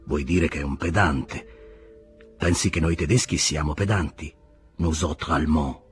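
A man's voice: extremely low pitch, a little slow, music in the background, voice pushed down. A man reading aloud voices an earnest, slightly stiff young German man in a storybook reading.

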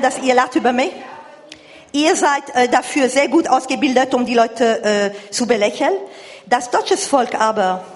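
In an echoey hall recording of a live lecture, a high-pitched woman from France offers an impromptu remark from the audience. She speaks with a foreign accent, pressing her point insistently while stumbling as she looks for words.

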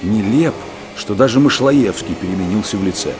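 A man with a husky voice narrating an audiobook in even storytelling. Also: on the low side, moderate pace, over music.

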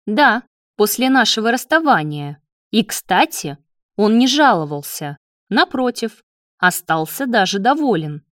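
A woman's voice: mid-range voice, big pitch swings, measured pace, fairly bright tone, no room sound, clean studio sound. A woman reading the part of a mocking, scheming young man in a spoken story, with a taunting delivery. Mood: sneering. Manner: sneering, taunting.

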